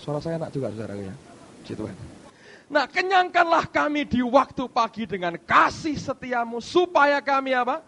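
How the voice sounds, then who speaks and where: A middle-aged male pastor preaching with a high, swooping voice and a gravelly, husky edge. He drives his points home with sudden loud outbursts, then drops into quiet asides. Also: huge pitch swings, normal speed. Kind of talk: sermon.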